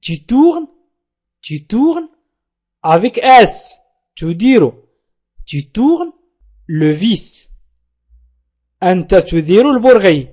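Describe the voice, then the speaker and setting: Slow, high-voiced man teaching French. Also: big pitch swings, a little mellow, slightly rough. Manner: repeats phrases slowly, drawn out. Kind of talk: slow language lesson.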